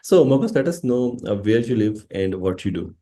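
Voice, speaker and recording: Podcast host guy, deep mellow voice, keeps saying awesome. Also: very animated, moderate pace. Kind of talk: casual interview.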